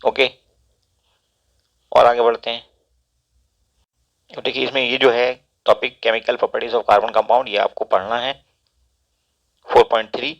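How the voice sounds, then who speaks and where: A man's voice: mid-range voice, flat delivery, slow, pauses often. A man, a teacher walking students through a syllabus and steadily repeating section numbers. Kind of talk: syllabus walkthrough lesson. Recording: dull lo-fi recording.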